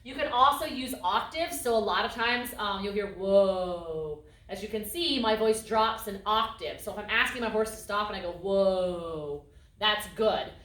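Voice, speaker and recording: A woman instructor giving a calm, explanatory lecture on horses, acting out voice tones as she goes. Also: a little high, fairly quick, hardly any pauses. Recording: echoey room, mic at a distance.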